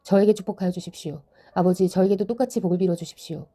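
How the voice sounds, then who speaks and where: A woman reads a wronged elder son who pleads with his father. The voice sits low and mellow, with a brisk pace. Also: husky. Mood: pleading.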